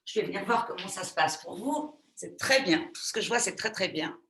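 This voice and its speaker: A woman pilates instructor giving calm, soothing step-by-step cues and counting breaths for a live class. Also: medium pitch, brisk. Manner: calm, soothing, gently reassuring. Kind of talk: guided exercise class. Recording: very echoey room, voice far from the mic.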